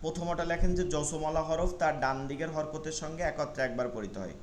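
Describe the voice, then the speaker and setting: A man leads an online Quran reading lesson, his voice sitting a little high. He speaks patiently, repeating each rule and spelling letters out one by one. The sound is roomy and echoey. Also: fast talker, a little hiss or hum.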